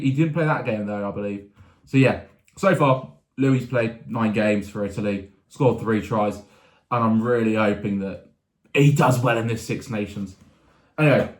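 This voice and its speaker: A man's voice: mid-range voice, a little mellow. Chatty young man in a roomy echo. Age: young adult. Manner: chatty and rambling, with restarts and asides. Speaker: sports vlogger. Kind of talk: casual sports chat.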